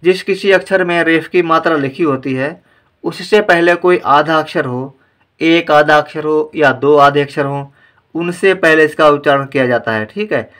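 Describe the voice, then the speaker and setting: Indian guy teaching hindi reading, bright clear voice, stretches out each word slow for practice. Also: on the high side. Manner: slow, drawn-out word-by-word pronunciation drills. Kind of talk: explaining lesson to viewers.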